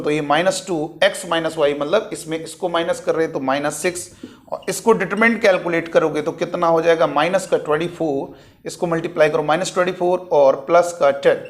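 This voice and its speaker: A man with a fairly high-pitched voice teaches maths to exam students. He works a problem step by step, posing questions and answering them himself.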